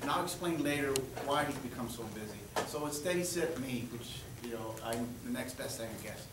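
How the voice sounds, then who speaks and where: A man's voice: mid-range voice, a little fast. Friendly man speaking in an echoey hall. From Texas, US. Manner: friendly, joking, stumbles over repeated words. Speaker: event host and presenter. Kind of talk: introductory talk to an audience. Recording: echoey hall from far off, with noise.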